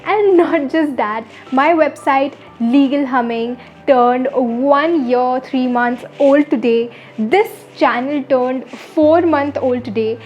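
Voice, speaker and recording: A woman's voice: high voice, takes it slowly, a little mellow, dull audio, faint music behind. A woman in her early twenties with an Indian English accent, chatting upbeat to camera as she answers viewers' questions. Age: 20s. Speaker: vlogger, law student. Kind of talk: casual Q&A to camera.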